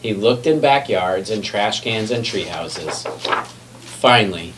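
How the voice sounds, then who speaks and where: Slowly and with animation, a man whose voice sits on the low side reads a children's picture book expressively, stumbling at times and correcting himself. The recording comes from a distant mic, with faint background noise.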